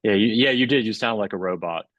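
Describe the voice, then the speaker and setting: A low-pitched man moderates an artist talk over a video call, chatty and quick to laugh. His speech is loose and full of filler words. The sound is dry and close, with no room around it. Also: fairly bright tone, no room sound, lo-fi sound. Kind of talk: casual presenting.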